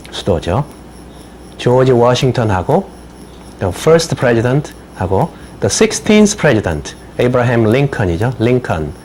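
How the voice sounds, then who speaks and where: An older man, an attorney and native Korean speaker, giving a slow explanatory lecture on citizenship English and spelling words out letter by letter. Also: medium pitch, a little mellow, slight background noise. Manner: spells words letter by letter, repeats phrases slowly.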